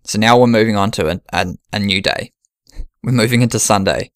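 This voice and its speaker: A man's voice: fairly low pitch, a little fast, smooth, dry recording, clean studio sound. A man in casual podcast chat, planning an ultramarathon and thinking aloud with many restarts.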